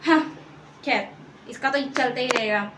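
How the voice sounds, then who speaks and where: A woman's voice: high-pitched, unhurried. A young woman vlogging at home in casual chat, teasing and playful. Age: young adult. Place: home, indoors. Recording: home recording with clear background noise.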